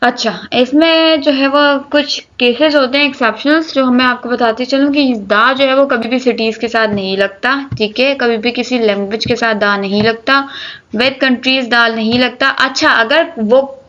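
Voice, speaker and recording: A woman teaching English articles, reading example sentences slowly and explaining them briskly while checking that students follow. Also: fairly high pitch, fairly even intonation, a bit bright. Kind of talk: grammar lesson explaining articles. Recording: dull lo-fi recording.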